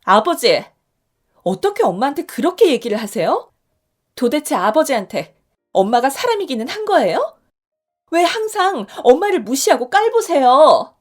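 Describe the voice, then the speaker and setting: A woman's voice: medium pitch, lively intonation, slow pace, soft background music. A woman doing an indignant, protective adult daughter. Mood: protesting. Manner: loud, impassioned pleading.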